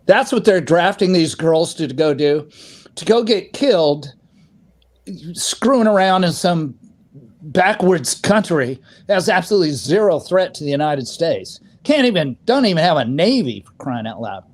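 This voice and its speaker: A man's voice: on the high side, very animated, normal speed, a little mellow. A man co-hosting a casual political podcast, talking in an opinionated, rambling way with many fillers and restarts. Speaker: podcast co-host.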